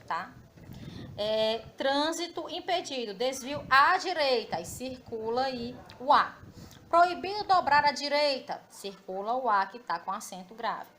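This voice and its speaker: A woman's voice: high-pitched, sharp tone. A Brazilian woman teaching a recorded grammar lesson to primary school children. She explains patiently and often checks in with the class. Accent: Brazilian Portuguese. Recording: echoey room with faint background noise.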